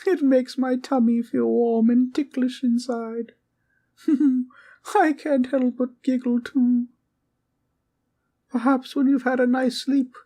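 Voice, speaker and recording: This woman's voice sits on the high side and has a dark tone. She plays a small, kindly teddy bear guardian in a comfort audio roleplay. The bear is sweet and polite, speaks in courtly, old-fashioned phrases, and has a soothing bedtime manner.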